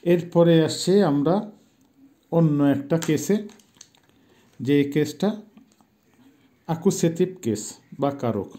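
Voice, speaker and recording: A middle-aged man gives a language lesson, speaking patiently and haltingly and slowly repeating words so they can be pronounced. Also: fairly high pitch, dark tone. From Bangladesh. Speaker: language teacher.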